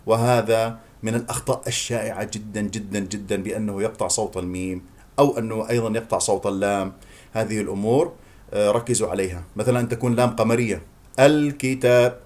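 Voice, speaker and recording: A man teaching Quran recitation, drawing words out slowly to model them, then explaining quickly and correcting common mistakes. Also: fairly low pitch, darkish tone. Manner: corrective, repeats wrong and right forms. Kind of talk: tajweed recitation lesson.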